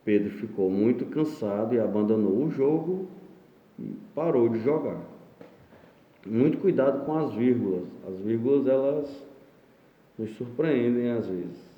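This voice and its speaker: A Brazilian male teacher gives a recorded lesson at an unhurried pace, reading entries aloud and explaining each one. His voice sits at an average pitch. The room sounds echoey, with a long tail, and the audio is dull and lo-fi. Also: animated. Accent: Brazilian Portuguese. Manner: slow, explanatory, reads entries aloud with frequent "né?". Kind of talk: online class lesson.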